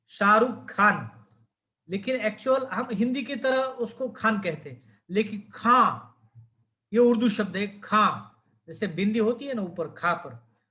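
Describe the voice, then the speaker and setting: A man's voice: high-pitched, animated, normal speed, fairly bright tone. A man teaching a class on speaking skills, asking students questions and modeling pronunciations.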